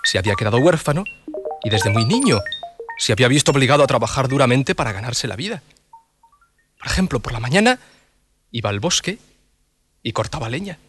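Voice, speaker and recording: A man narrating a children's story in a playful, animated way with sound effects and sing-song bits. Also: medium pitch, fairly quick, pauses often, soft background music.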